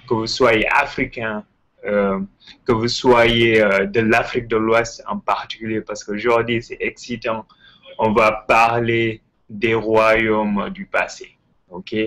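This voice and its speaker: Male host, English-tinged French accent, unhurried, hesitant and eager, lower voice. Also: fairly bright tone, poor audio. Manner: hesitant, many fillers and repeats; enthusiastic. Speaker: history channel host. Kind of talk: casual spoken lecture. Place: Ontario, Canada.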